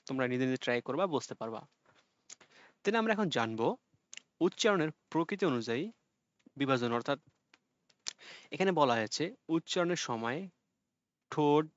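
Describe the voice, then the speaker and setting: A man teaching an online exam-prep lesson, explaining patiently and repeating sounds slowly for students to copy. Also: mid-range voice, lively intonation, dry recording, muffled recording.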